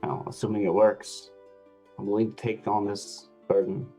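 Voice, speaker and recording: Husky low-voiced male tabletop player. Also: flat delivery, moderate pace, mellow, soft background music. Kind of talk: casual role-play table talk.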